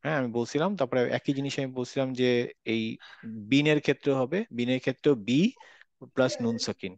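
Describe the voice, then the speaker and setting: A man's voice: medium pitch, fairly even intonation, quick pace, dry recording. A man teaching a Quran recitation class online, patiently repeating examples and checking that students follow. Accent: Bangladeshi Bengali.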